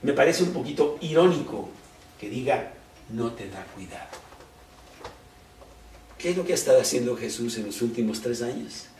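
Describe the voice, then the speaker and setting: A man preaching a conversational, animated sermon, full of rhetorical questions. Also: medium pitch, a little fast, a little hiss or hum. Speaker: pastor. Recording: roomy, distant mic.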